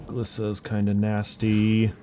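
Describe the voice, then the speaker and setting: A man's voice: fairly low pitch, completely flat delivery, slow pace, background noise. A man streaming a game with casual live commentary, thinking aloud in muttered fragments. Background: game music.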